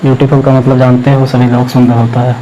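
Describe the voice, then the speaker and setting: A man teaching English grammar, explaining in Hindi and slowly dictating words while he writes them on a board. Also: mid-range voice, flat delivery, highs cut off, background noise. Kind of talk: classroom lesson explaining grammar.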